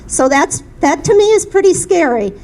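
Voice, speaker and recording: A woman from Minnesota, speaking earnestly at a panel discussion, with halting restarts. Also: extremely high pitch, big pitch swings, darkish tone, rough recording. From Minnesota, USA. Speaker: community activist.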